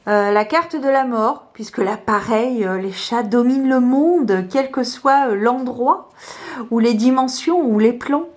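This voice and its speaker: A woman casually showing her favourite tarot cards, talking hesitantly with many fillers. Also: a little high. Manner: slow, soft-spoken. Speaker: tarot vlogger.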